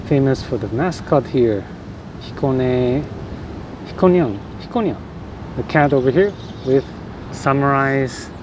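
A young man filming a casual travel vlog outdoors with a phone camera at arm's length, talking in a relaxed way with filler ums. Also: medium pitch, unhurried, long pauses, background noise. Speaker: vlogger. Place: outdoors on town streets and at stations.

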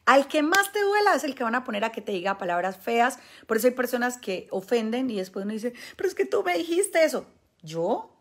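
A woman's voice: fairly high pitch, lively intonation, a little fast. Emphatic Colombian woman preaching to viewers. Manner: emphatic, repeats words for stress; acts out the people she quotes. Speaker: spiritual healer. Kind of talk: monologue addressed to viewers.

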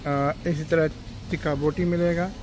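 A man with a slightly high voice walks the aisles of a supermarket, chatting casually into a handheld phone. He rattles off prices in a friendly, polite way. Store noise is clearly audible behind him. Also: little pitch movement, normal speed, darkish tone. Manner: chatty, lists prices, says "ji" and "janab". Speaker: vlogger. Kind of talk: casual shopping vlog walkthrough. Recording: noisy shop background.

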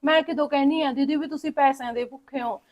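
A woman with a Punjabi accent, acting in a family short film, coaxing and pleading to smooth things over. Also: sits high, steady tone, fast, a little mellow, lo-fi sound. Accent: Punjabi (Malwa). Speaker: actor playing a sister-in-law.

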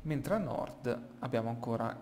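A man's voice: medium pitch, lively intonation, moderate pace, a little mellow. Man in an echoey small room. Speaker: gaming YouTuber. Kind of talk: casual gameplay commentary. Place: small room emptied of furniture, indoors. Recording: echoey small empty room, clear background noise.

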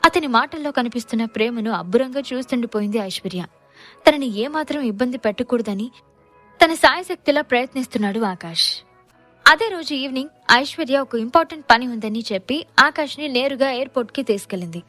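High-voiced woman narrating a story. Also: expressive, brisk, a bit bright, faint music behind. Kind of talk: scripted audio story narration.

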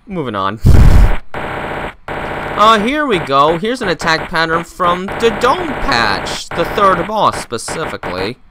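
A man giving casual, excitable commentary while playing a bullet-dodging game, reacting with jokey exclamations. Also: high-pitched, takes it slowly, noisy background. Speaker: gameplay commentator. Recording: loud game sound effects behind.

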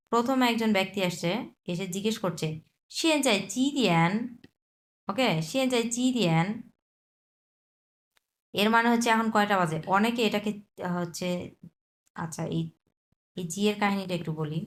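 A woman teaching a beginner Chinese class, patiently repeating and breaking down each word, mixing in English terms. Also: mid-range voice. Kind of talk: explaining Chinese vocabulary in Bangla.

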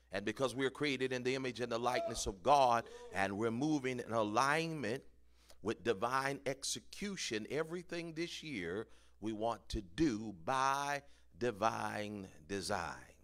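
A man preaching a sermon as pastor, leading the congregation in call-and-response and building to shouted peaks. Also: mid-range voice.

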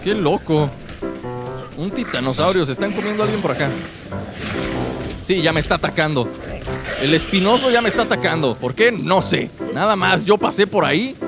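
A man giving excitable, jokey let's-play commentary, talking to himself and his viewers. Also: high-pitched. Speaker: gaming youtuber.

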